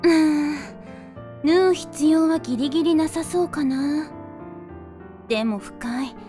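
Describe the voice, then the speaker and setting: A woman voicing a soft, calm and gently teasing young woman who guards a moonlit forest, in a voice drama. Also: sits high, slow, soft background music. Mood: gentle. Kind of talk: voice drama acting.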